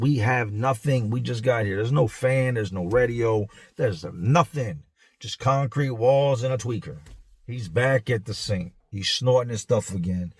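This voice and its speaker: A man's voice: on the low side, dry recording. A man hosting a show, telling a story in blunt street slang in a casual, easygoing way. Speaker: host.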